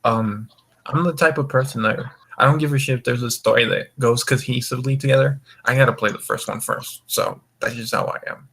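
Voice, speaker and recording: This young man runs a gaming voice call online, chatting loosely with the group, rambling and cursing a lot. He talks briskly at a medium pitch with fairly even intonation, and his tone is creaky, husky, and a bit bright.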